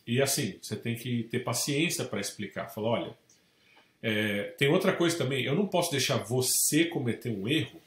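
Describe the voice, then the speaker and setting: Animated Brazilian man telling anecdotes. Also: medium pitch, normal speed. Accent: Brazilian Portuguese. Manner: animated anecdotes, acts out quoted people. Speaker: real estate agent, podcast guest. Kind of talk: casual storytelling interview. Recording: echoey room.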